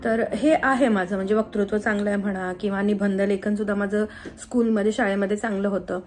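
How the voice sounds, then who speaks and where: A woman in her thirties, a homemaker vlogging casually at home, chatty with frequent pauses and fillers. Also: medium pitch, fairly even intonation, darkish tone, soft background music. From Maharashtra, India. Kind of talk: casual vlog chat and voice-over.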